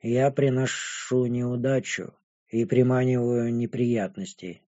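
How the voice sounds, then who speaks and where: Guy reading a quiet gloomy dragon girl, flat and slow, dull lo-fi audiobook sound. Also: medium pitch, voice pushed down, natural voice. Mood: flat detached. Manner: flat, indifferent, hushed and slow. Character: gloomy, detached young dragon-woman ex-cultist. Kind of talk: audiobook character voice.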